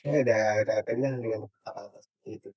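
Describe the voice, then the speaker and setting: A man's voice: mid-range voice, very fast, breathy edge, muffled recording. A middle-aged married man in a casual talk show, answering frankly and rambling a bit. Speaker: married guest. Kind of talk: casual chat.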